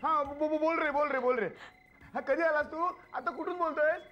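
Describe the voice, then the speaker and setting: An actor playing a teasing, quick-tempered husband in a bickering marriage, in a TV serial. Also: male voice, a little high, lively intonation, dull audio, close to an everyday voice. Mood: excited. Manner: teasing and curt, bursts into loud cheer. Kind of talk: TV serial acting.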